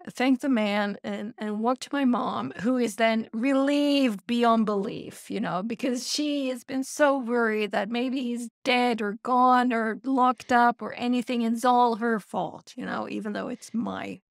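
A woman hosting a podcast and telling a lively story in casual chat. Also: on the high side, measured pace, vocal fry, hardly any pauses, no room sound, studio quality. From Sweden. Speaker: podcast host.

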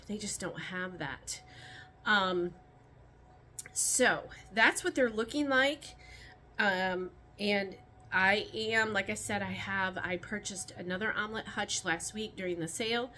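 A woman with a bright, forward voice talks casually outdoors, rambling and restarting her sentences with lots of ums. A faint hum of open-air ambience sits behind her. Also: mid-range voice, unhurried. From Michigan. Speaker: rabbit keeper vlogger. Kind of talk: casual talk while handling rabbits. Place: outdoors by a rabbit colony pen.

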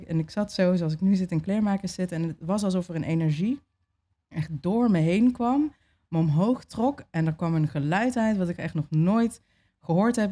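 A young adult woman being interviewed, telling a personal story in a relaxed way, with many fillers and restarts. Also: lowish voice. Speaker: interview guest.

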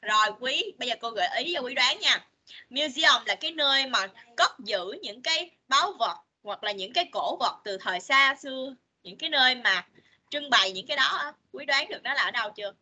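Bright-voiced woman teaching. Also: sits high, lively intonation. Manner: patient, coaxing, models words slowly for pupils to repeat. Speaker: English teacher. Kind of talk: online English lesson for children. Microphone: video call.

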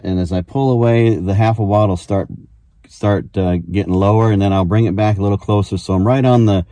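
A middle-aged man with an American accent and a low, dark-toned voice explains ham radio as a vlog host, keeping it folksy and casual. Although he's in an open field and partly in a parked car, the recording sounds dry and clean, like a studio.

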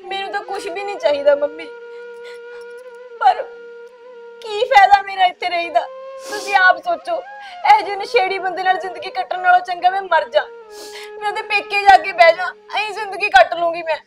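A woman's voice: very high voice, normal speed, long pauses, soft background music. A young woman playing the heartbroken wife of an addict, crying as she speaks. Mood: sobbing. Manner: sobbing, despairing complaints.

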